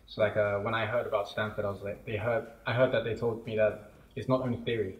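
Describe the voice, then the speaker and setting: Young man from England, low-pitched, quick rambling chat, heavy echo, distant mic. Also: muffled recording. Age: young adult. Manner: relaxed, rambling, many fillers. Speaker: guest. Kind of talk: casual interview chat. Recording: echoey room, voice from far off.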